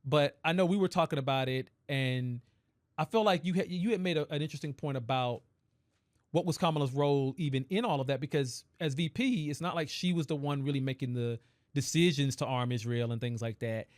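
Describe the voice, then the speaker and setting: A man's voice: on the high side, brisk, no room sound, studio quality. A man co-hosting a podcast, talking politics in casual chat and building long, hedged arguments. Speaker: podcast co-host.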